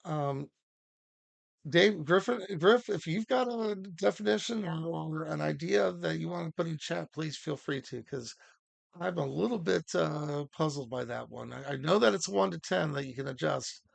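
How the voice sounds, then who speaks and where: A man hosting a casual livestream workshop, talking haltingly with many fillers and restarts. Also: on the high side, creaky, dry recording. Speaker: host.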